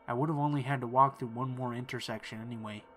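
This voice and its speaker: A man reading first-person horror stories in a calm, measured storytelling voice. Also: mid-range voice, soft background music. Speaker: narrator. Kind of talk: scripted horror narration.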